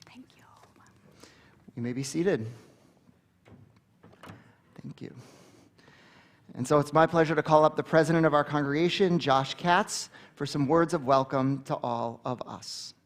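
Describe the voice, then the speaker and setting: A man's voice: on the high side, measured pace, long pauses. A man leading a service, giving brief, polite announcements to the congregation.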